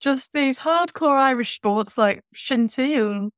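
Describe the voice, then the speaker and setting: A woman's voice: sits high, slow, clear, resonant tone, dry recording, clean studio sound. A woman hosting an interview in a conversational style, introducing her guest and putting questions. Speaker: interview host, physiotherapist.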